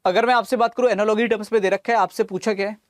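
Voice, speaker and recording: A man's voice: high voice, fairly even intonation, rapid-fire, no room sound, clean studio sound. A man teaching exam reasoning online, working through calculations step by step and fondly calling students lalla and mere lal, mixing English terms into his talk. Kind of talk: online exam coaching lesson.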